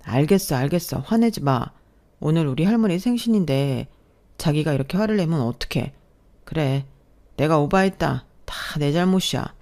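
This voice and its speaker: A woman's voice: sits low, lively intonation, moderate pace, mellow. A woman voicing a young boyfriend who turns defensive and then pleading in a storybook audio drama. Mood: placating. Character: boyfriend, young man, sulky then placating.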